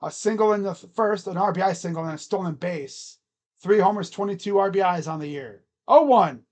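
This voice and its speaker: A live-stream host calls a baseball game with casual play-by-play, speaking a little fast in a loud, booming voice and chatting between pitches.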